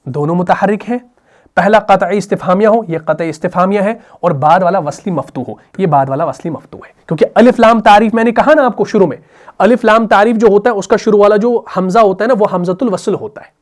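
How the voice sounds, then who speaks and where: High-voiced male Quran teacher. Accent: Urdu. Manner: lively explaining, repeats questions to students, slow melodic recitation. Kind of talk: tajweed lesson.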